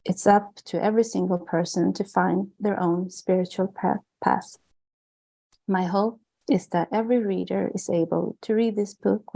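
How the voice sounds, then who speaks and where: Gravelly Swedish-accented woman reading aloud. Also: medium pitch, warm tone, rough recording. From Sweden. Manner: earnest, measured, with small restarts. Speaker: author and guest. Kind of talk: reading aloud from her book.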